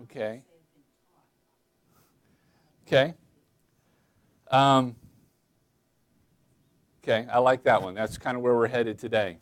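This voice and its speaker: A man preaching a casual, chatty sermon in church, asking the congregation questions and filling pauses with "um" and "uh". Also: mid-range voice, fairly even intonation. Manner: folksy, chatty, many fillers, addresses listeners as y'all. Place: church sanctuary.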